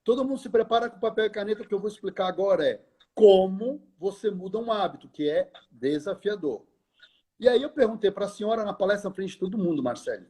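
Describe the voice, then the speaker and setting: Husky high-voiced male lecturer telling a story. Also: fast talker. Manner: animated, acts out quoted dialogue, often addresses the host by name. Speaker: lecturer and guest speaker. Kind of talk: conversational storytelling.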